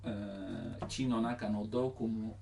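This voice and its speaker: A man's voice: lowish voice, very slow, creaky, mellow, distant mic, faint music behind. A man with an Italian accent, a native Italian speaker, explains song lyrics as a language teacher, in simple broken phrases and with sung examples.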